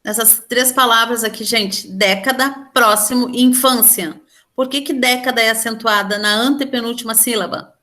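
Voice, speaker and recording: Brazilian woman, teacher, slightly high voice, patient step-by-step explainer who quizzes the class. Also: steady tone, moderate pace, pushed and bright. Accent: Brazilian Portuguese. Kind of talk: online class lesson.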